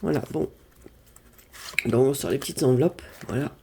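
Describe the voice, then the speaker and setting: A woman from southern France, a budget vlogger, chats casually from her apartment about her budget, thinking aloud over the sums and apologizing often. Her voice is extremely low and darkish, at a normal speed, and a cold has left her nose stuffy. There's slight background noise.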